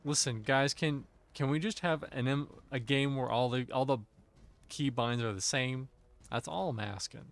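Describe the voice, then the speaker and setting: A man's voice: medium pitch, normal speed, vocal fry. Playful man in casual gaming chat. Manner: playful, jokey, self-teasing. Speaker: streamer playing an online game with friends. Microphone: desk microphone.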